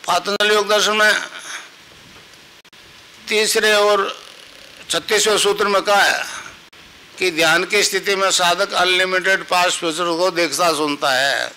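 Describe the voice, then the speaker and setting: Older guru, high bright voice. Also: male voice, fairly even intonation, a little slow, pauses often, a little hiss or hum, low-quality recording. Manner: instructive, repeats mantras, asks listeners if they understood. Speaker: spiritual guru. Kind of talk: spiritual discourse to a gathering.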